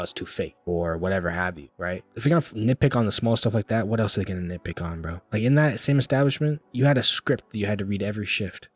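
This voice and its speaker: Young man, casual vlog rant, low husky voice, says "bro" a lot. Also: dry recording. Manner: talks fast, peppers speech with "like" and "bro". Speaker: vlogger.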